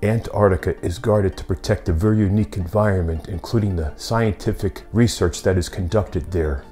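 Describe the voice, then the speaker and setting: A middle-aged man with a very low, mellow voice reads a script in an even, measured way. He speaks in a small indoor studio, framed chest up at his desk. Faint music plays beneath him. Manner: steady, measured delivery. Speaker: YouTube host. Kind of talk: scripted narration. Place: indoor studio room with monitors.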